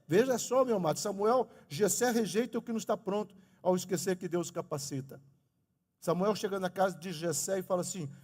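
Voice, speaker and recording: A middle-aged man preaching a lively sermon as pastor in a church, speaking to the congregation. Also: high voice, breathy edge. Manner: animated preaching, talks of his own stutter. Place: church sanctuary. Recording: long reverb of a church hall.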